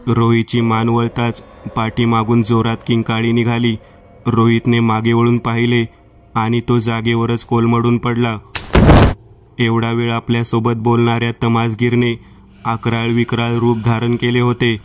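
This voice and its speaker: A man narrating a horror story in a flat, unhurried scripted reading. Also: mid-range voice, slight background noise.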